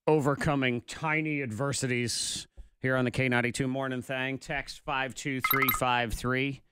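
A man's voice: mid-range voice, flat delivery, normal speed, bright, forceful tone, clear, resonant tone, no room sound. A man in his thirties hosting a morning radio show from a studio, talking in a wry, playful way into a studio mic. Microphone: studio microphone with headphones.

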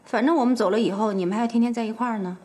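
An actress with a Northeastern Mandarin accent playing a determined village mother, firm with her husband and gentle with her son. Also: fairly high pitch, very fast, lightly acted. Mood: needling. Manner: firm, gently coaxing, with sharp digs. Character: determined village mother leaving to work in the city.

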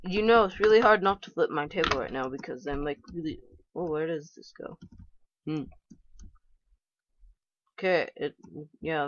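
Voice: medium pitch, muffled recording, slight background noise. A gamer giving casual let's-play commentary, chatty and talking to themselves with playful frustration. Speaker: gameplay commentator.

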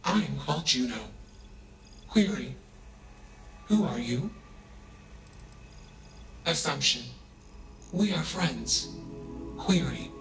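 A flat, emotionless ship AI talks in slow, clipped phrases with a gravelly edge. Each statement comes with a label word, and the voice sits in an echoing space. Game music plays clearly underneath. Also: male voice, mid-range voice. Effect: synthetic, echoing machine voice. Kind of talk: video game dialogue. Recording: echoey room with game music.

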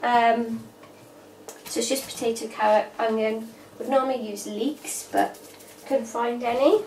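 With a slightly high, steady, unhurried, and somewhat mellow voice, a woman in her thirties talks chattily while cooking for her vlog in her home kitchen. The recording is noisy and echoey from a camera mic placed across the room, with cutlery and pots clanking behind her.

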